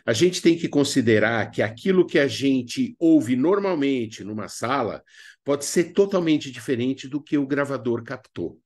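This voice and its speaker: A Brazilian-accented man leads a workshop lesson on radio theatre in a didactic teaching style. His voice sits in the mid range and is a little mellow, and he keeps raising rhetorical questions only to answer them.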